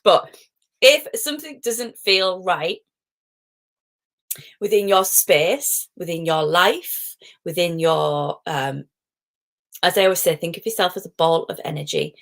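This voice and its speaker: A middle-aged woman, hosting a live stream as a positivity coach, chatty and digressive with frequent laughs. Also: fairly low pitch. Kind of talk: casual live-stream talk.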